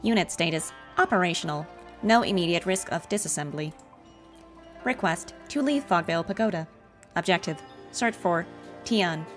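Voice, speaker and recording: A woman voicing an emotionless robot auto puppet in a slow, clipped robot voice while reading game dialogue aloud. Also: fairly low pitch. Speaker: voice actor streaming a game.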